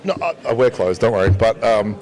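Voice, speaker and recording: A man's voice: fairly low pitch, lively intonation, brisk, a little mellow, low-quality recording. A man, hosting a casual chat. He jokes, laughs often and restarts his sentences. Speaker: livestream host interviewer.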